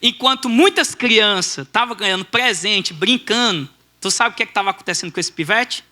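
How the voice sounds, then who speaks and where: Lively male preacher, bright tone, acts out the dialogue. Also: sits high, brisk. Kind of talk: storytelling sermon.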